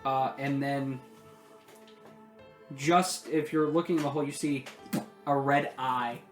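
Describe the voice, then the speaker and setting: Guy gm'ing a tabletop game, kinda halting, roomy echo. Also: medium pitch, fairly even intonation, faint music behind. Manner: casual, halting with fillers. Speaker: game master.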